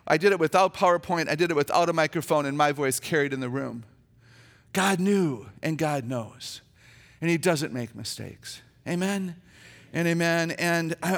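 A guest speaker preaches in a church, telling personal stories in a chatty, humorous, and earnest style. She is middle-aged, with a naturally low voice.

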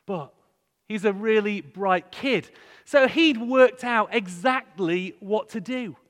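A man's voice: high voice, slow. A man with a northern English accent giving a sermon-style talk, telling stories and putting conversational questions to his congregation. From Hull, England. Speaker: guest speaker at a church. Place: large church hall, live talk to a congregation. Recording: echoey hall with long reverb.

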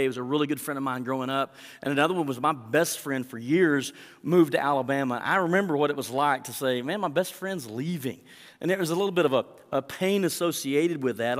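Animated pastor preaching in an echoing hall. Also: male voice, a little high. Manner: animated, acts out quotes with lively inflection. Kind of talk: sermon. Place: church sanctuary.

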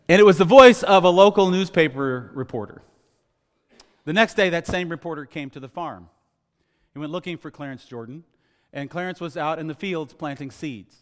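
Storytelling preacher in a reverberant church. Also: male voice, fairly high pitch, normal speed. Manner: storytelling, swelling to emphatic loud phrases. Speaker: pastor. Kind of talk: sermon. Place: church sanctuary.

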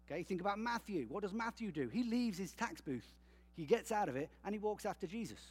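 A man preaching a conversational sermon, animated and checking in with his listeners often. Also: high voice, brisk, husky. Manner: conversational, animated, frequent "okay?" check-ins. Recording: long hall reverb.

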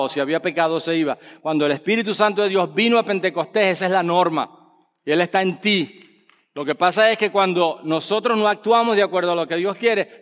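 A man preaching a sermon in a measured, emphatic way, explaining with everyday examples. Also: sits high. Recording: long reverb of a large hall.

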